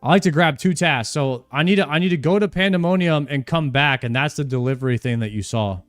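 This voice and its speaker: Talking briskly with a fairly high voice in a dry recording, a young streamer gives relaxed commentary as he plays. He jokes around and frequently repeats words mid-sentence.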